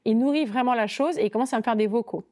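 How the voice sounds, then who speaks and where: A young woman telling her own dating story as a podcast guest, in a lively, chatty way with many fillers and quoted thoughts. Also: fairly high pitch, quick pace.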